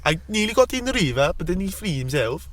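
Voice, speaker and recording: A man's voice: sits high, very animated, fast, a bit bright. A young man hosting a podcast, chatting in a silly, giggly way. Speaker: podcast host. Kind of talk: casual chat. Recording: noisy home recording.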